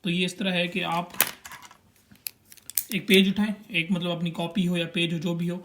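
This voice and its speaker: A man's voice: high-pitched, little pitch movement, moderate pace, background noise. A young man teaching a language lesson, pointing at a chart and patiently sounding out syllables one by one.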